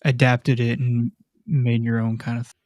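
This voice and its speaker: Relaxed man chatting with many restarts. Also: medium pitch. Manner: halting, restarts a lot, relaxed. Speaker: podcast co-host. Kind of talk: casual podcast chat.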